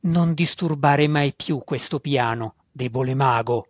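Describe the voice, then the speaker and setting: A man's voice: medium pitch, unhurried, no room sound, lightly acted. A menacing monstrous handmaiden of a spider goddess, put on by a male narrator, growling each word in a hard, imperious tone. The sound is dull and dry, with no room around it.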